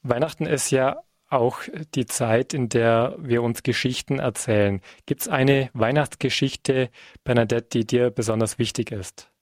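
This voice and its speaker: A man interviewing a guest, asking calm questions and giving short affirmations. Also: medium pitch, measured pace, no room sound, studio quality.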